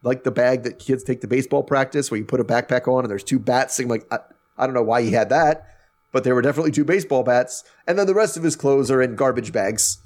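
A man hosting a podcast, recapping an episode in a wry, animated way, with many restarts. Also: medium pitch, fast. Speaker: podcast host. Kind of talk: casual recap chat.

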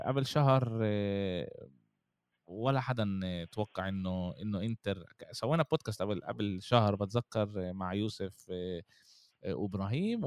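A man with a Palestinian Arabic accent hosting a casual sports podcast, often pausing on fillers between short phrases. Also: on the low side, darkish tone, smooth, dry recording. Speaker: podcast host.

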